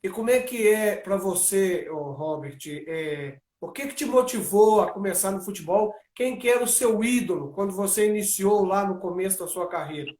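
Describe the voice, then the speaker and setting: A man's voice: high voice, normal speed, hardly any pauses, a little mellow. A man hosting a live-stream interview, friendly and reading out lists, speaking over a video call. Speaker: interview host. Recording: echoey room.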